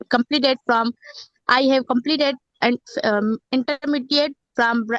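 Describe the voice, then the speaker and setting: A young woman from Pakistan politely reciting her student self-introduction, halting with restarts. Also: on the high side, fairly bright tone, no room sound, dull audio. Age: young adult.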